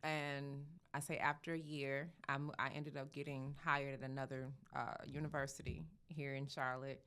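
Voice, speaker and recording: Low, gravelly-voiced woman telling her story. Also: normal speed. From St. Louis, USA. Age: young adult. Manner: relaxed, chatty, many fillers and quoted dialogue. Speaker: makeup artist guest. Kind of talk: casual interview storytelling.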